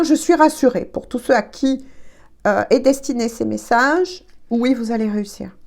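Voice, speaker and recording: A woman's voice: fairly high pitch, creaky, a little mellow. A woman giving a casual, chatty tarot reading, hesitant and congested from allergies. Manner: chatty, hesitant, peppered with "hein". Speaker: tarot card reader.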